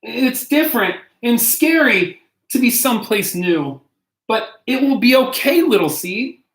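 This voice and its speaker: A man voicing a small, loyal little fox in a children's storybook, high-pitched and anxious. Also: animated, a little slow, fairly bright tone, exaggerated voice. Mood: comforting. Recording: echoey room.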